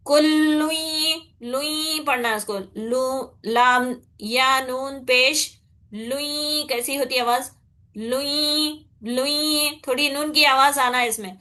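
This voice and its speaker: A woman teaching Quran recitation rules, patiently explaining and checking in with her students, then demonstrating with slow, drawn-out nasal recitation. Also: high-pitched, pushed and bright. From India. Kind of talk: tajweed lesson.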